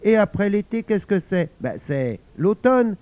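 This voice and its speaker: A man voicing a sensible, bossy little girl who coaxes and scolds her mother gently, in a storybook reading. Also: high-pitched, very animated, unhurried, no room sound, voice pushed up. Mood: coaxing. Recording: dull lo-fi recording.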